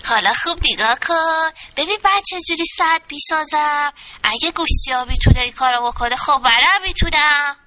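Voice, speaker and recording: A woman voicing a playful, eager little boy bunny in a storybook reading, with a lively childlike manner. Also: high voice, a little hiss or hum. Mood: boastful. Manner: animated, childlike, lively rises.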